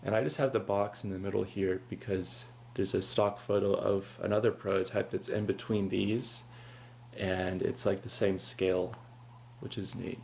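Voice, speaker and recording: A low-voiced man talks casually through a product comparison over a faint hum. His delivery is understated and very even, with a creaky edge. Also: normal speed. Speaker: prop collector presenting his animatronics.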